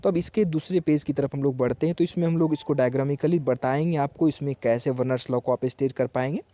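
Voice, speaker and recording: A man giving a lecture, reading English lines slowly and then explaining each one in Hindi. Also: mid-range voice, dark tone. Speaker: teacher. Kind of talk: lecture explaining text line by line.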